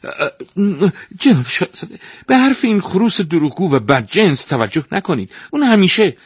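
A man voicing a flattering, scheming stepmother in a spoken storybook tale, fussing and gushing over a prince. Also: fairly low pitch, husky, dry recording, studio quality, pitched above the performer's own voice, exaggerated voice. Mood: fawning, flustered. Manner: fawning, gushing, interrupts herself.

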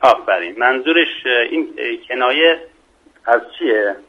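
Guest poet man, Mashhadi accent, slow and courteous, dull lo-fi line. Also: mid-range voice, expressive. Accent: Mashhadi Persian.

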